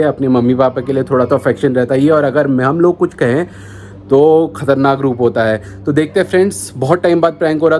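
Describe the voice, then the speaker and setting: A man's voice: on the high side, a little mellow, slight background noise. A young man hosting a prank vlog, talking casually and then grumbling and insisting in an argument with his wife. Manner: grumbling, insistent, repeats himself.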